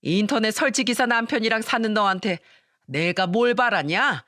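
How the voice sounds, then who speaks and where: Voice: mid-range voice, moderate pace, no room sound, studio quality, lightly acted. A narrator putting on a brazen, scornful mother-in-law. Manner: shouting, defiant, scornful. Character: brazen shameless middle-aged mother-in-law.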